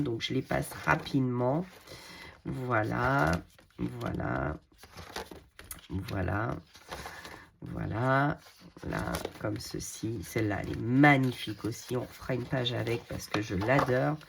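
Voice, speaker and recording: A middle-aged woman walks viewers through a craft project in a low, gravelly voice. She chats at an easy, unhurried pace and mutters to herself as she works. The fillers come often, and faint noise sits behind her. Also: darkish tone. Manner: chatty, talks to herself while working, many fillers. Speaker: craft video host. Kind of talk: casual crafting tutorial.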